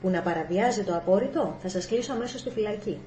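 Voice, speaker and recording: A woman voicing a gruff, angry male general who speaks in a threatening way. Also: mid-range voice, expressive, warm tone, slight background noise, lightly acted. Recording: echoey room, faint ambience.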